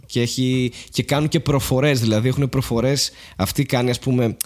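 A man, chatting casually as a podcast co-host, rambling and animated, with many fillers and restarts. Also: mid-range voice. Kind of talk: casual chat.

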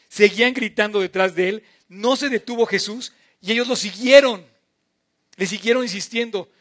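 A middle-aged man preaching a sermon, impassioned, swinging between loud emphatic bursts and soft drawn-out phrases. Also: sits high.

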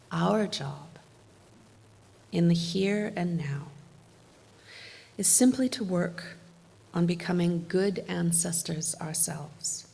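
A woman giving an earnest, reflective inspirational talk in measured phrases. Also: lowish voice, vocal fry, warm tone, breathy edge, in a large hall. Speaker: speaker leading a reflective gathering.

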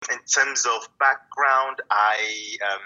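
Brief: male poet guest from Italy, bright raspy tone, reflective and halting, lo-fi call sound. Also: medium pitch, steady tone. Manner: reflective, halting, many restarts and fillers. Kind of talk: casual interview talk.

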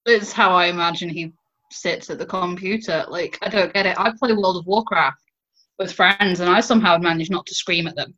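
A woman's voice: fairly low pitch, normal speed, pushed and bright. A woman co-hosting a podcast over a video call, joking about herself and laughing often. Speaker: podcast co-host. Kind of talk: casual chat. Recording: dull lo-fi call audio.

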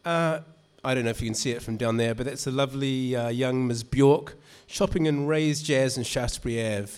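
An author with a New Zealand accent speaks to a live audience at a literary event, his talk casual and rambling, full of restarts and "you know." His mid-range voice has a clean, slightly mellow tone and a moderate pace.

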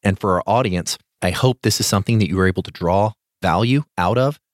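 Deep-voiced male podcast host, dry sound. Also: a little fast, no echo. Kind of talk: conversational podcast hosting.

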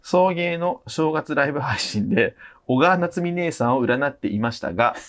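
A man's voice: a little high, expressive, moderate pace. A man co-hosting a casual podcast, playful and laughing often as he jokes his way through reading listener letters. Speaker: podcast co-host. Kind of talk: casual chat.

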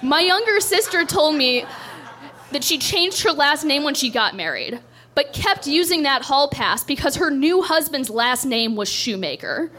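On a club stage, a young woman stand-up comedian tells a story in a dry, self-deprecating manner. Her high voice is expressive, unhurried and sharp in tone.

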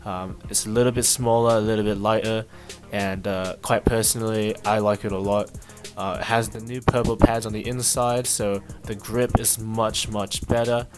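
A man hosting a podcast, giving a relaxed, slightly hesitant sponsor read. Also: lowish voice, moderate pace, music in the background. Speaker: podcast host reading a sponsor spot. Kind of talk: casual ad read.

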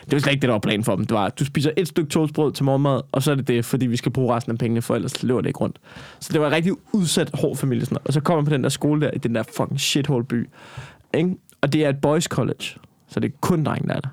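A man's voice: medium pitch, darkish tone, no echo. A young man in casual conversation, telling a long personal story in a rambling way, with many restarts and some swearing.

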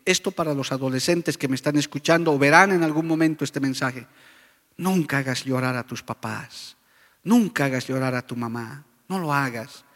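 Fervent preacher in a reverberant hall. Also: male voice, medium pitch, moderate pace, fairly bright tone. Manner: fervent preaching, often calls out "brother". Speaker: pastor. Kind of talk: sermon.

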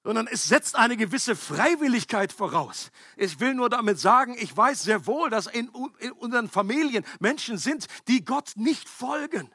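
A man's voice: very high-pitched, moderate pace, hardly any pauses, slightly rough, no echo, studio quality. A man preaching a sermon in a conversational, emphatic way. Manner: conversational, emphatic preaching with animated acted-out quotes.

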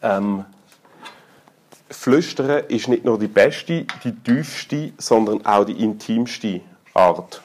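A middle-aged man with a Swiss German accent preaching a sermon in a colloquial, humorous way, swinging between loud calls and hushed, intimate tones. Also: on the low side, animated, slow pace.

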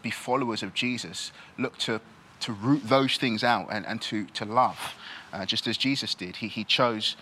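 A lower-pitched man with a bright, forward tone speaks thoughtfully in a church panel discussion. He was born in Nigeria and grew up in this country, and he pauses and restarts often as he works through his answer. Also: a little hiss or hum. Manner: thoughtful, halting with many restarts and fillers.

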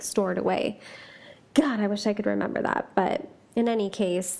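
Gravelly-voiced woman podcaster chatting. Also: mid-range voice, darkish tone. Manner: chatty, many fillers and asides. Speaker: podcast host. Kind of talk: casual chat, reading ghost stories aloud.

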